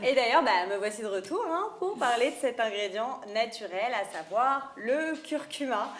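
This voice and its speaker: A woman's voice: on the high side, expressive, normal speed, a crowd in the background. Woman presenting in a TV studio. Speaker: guest presenter. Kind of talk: product presentation on a live show.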